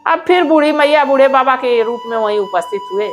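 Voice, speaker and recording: A woman's voice: sits high, animated, brisk, soft background music. A woman narrating a devotional story in an earnest, sing-song manner and addressing her listeners directly.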